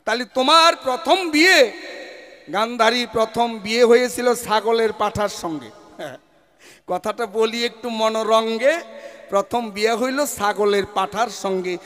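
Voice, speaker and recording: A man's voice: very high voice, a little slow, a bit bright, long reverb tail. A man with a performing a stage folk verse debate, declaiming in rhyme and breaking into song. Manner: declamatory, rhyming, slipping into song.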